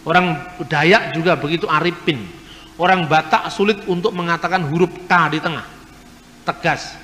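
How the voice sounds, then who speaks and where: A man's voice: fairly high pitch, fairly even intonation, normal speed, fairly bright tone, slight background noise. A man delivers a religious lecture in a slightly raised voice, laying out each point patiently and stopping to throw rhetorical questions at his listeners. His voice rings with a long hall reverb that trails behind every phrase.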